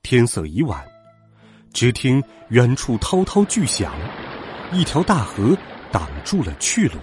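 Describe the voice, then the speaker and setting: Slow, lively male storyteller. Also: mid-range voice, soft background music. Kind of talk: children's storybook narration.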